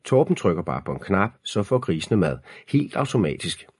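Man doing a snippy sarcastic kid, low husky voice. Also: sing-song, dry recording, studio quality, full character voice. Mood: blunt. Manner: snarling, matter-of-fact. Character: blunt sarcastic boy on holiday.

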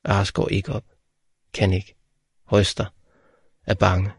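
A man reading a literary audiobook in plain, terse, measured sentences. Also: low-pitched, level tone, creaky, a little hiss or hum. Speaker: audiobook narrator. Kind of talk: scripted literary narration.

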